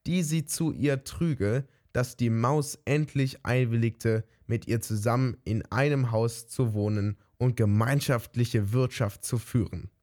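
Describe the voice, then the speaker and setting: Male storyteller, fairy-tale reading, slow unhurried pace, mid pitch. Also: steady tone, a little mellow. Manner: unhurried, small slips corrected.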